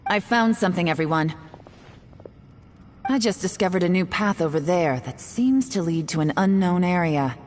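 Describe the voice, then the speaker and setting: A woman's voice: lowish voice, animated, a little mellow, big-room sound, faint music behind, natural voice. A woman playing a cool, composed woman spy. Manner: composed, measured. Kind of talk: video game voice acting.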